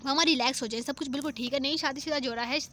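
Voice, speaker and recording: A woman's voice: high voice, a little fast, sharp tone, a little hiss or hum. A woman voicing a caring young man who speaks soothingly and reassuringly.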